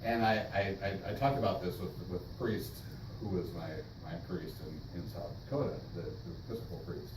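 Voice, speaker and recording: A man leading a casual church class discussion, thoughtful and halting, with many restarts. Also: deep voice. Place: church meeting room. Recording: echoey room, distant mic, noisy.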